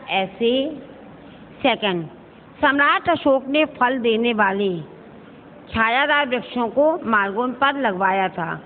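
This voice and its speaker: A patient woman teacher walks her students through a worksheet step by step and keeps asking whether they follow along. Her voice sits a little high. The recording sounds tinny like a phone line, with a long echo and a faint hiss behind it. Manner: patient, explains step by step, addresses students as beta and checks if they understand. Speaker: school Hindi teacher. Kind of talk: recorded online lesson going through a worksheet.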